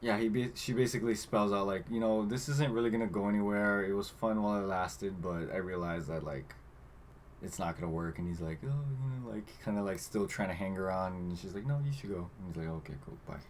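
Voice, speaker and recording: A man's voice: fairly low pitch, brisk, slight background noise. A man co-hosting a podcast, casually retelling a movie plot with lots of "like" and loosely acted-out quotes. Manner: retells scenes loosely, acting out quotes with filler words. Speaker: podcast co-host. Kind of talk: casual movie recap chat.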